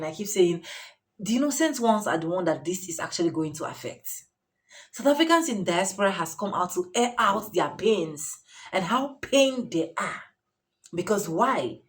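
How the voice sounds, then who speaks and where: Emphatic woman hosting a commentary show. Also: mid-range voice. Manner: emphatic, repeats phrases for stress. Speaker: commentary channel host.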